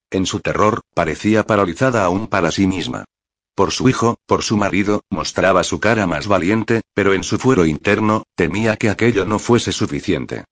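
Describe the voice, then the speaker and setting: A man narrating a novel as an audiobook, reading in a calm, measured way on a close mic. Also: low-pitched. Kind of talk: scripted narration.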